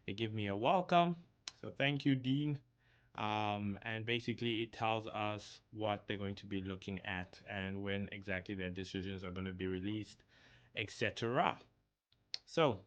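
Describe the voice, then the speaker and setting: With a fairly low-pitched voice, a young man from South Africa walks viewers through an online application on a casual screen share. He thinks aloud, dropping frequent ums along the way. The sound is lo-fi.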